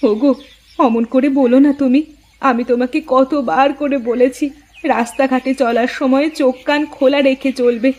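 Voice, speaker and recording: A woman's voice: sits high, steady tone, normal speed, a little mellow. A woman voicing a poor young village wife who pleads and weeps in a cartoon story. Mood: worried. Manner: tearful, pleading. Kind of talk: animated cartoon voice acting.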